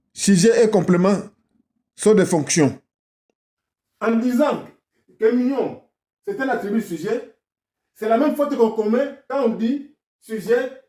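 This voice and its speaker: A self-taught grammar commentator gives an explanatory video lesson in a high-pitched, mellow voice with a non-native French accent, French not being his first language. He argues insistently, explaining step by step, captured by a distant mic in an echoey room.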